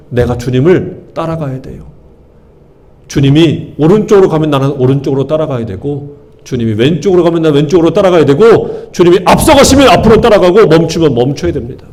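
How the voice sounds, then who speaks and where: A male pastor preaches in a fairly high, darkish voice, questioning his congregation in a call-and-response pattern. Key words get hammered home through emphatic repetition.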